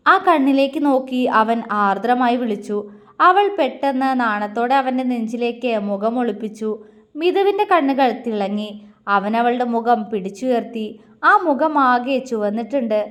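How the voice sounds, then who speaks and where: A woman storyteller reading a romance story aloud in a soft, gentle narrating voice. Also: a little high.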